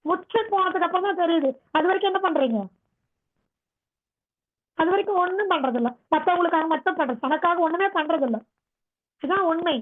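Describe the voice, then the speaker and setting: A woman with a very high voice gives a motivational yoga talk. She exhorts her listeners and keeps firing rhetorical questions at them. The sound is tinny and narrow, as if heard over a phone line. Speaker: yoga teacher.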